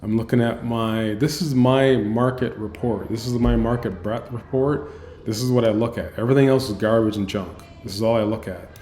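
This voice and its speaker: A man's voice: medium pitch, steady tone, normal speed, darkish tone, reverberant, soft background music. A man coaching options traders in an end-of-day recap over a screen share, emphatic, repeating phrases and tagging his lines with "right?".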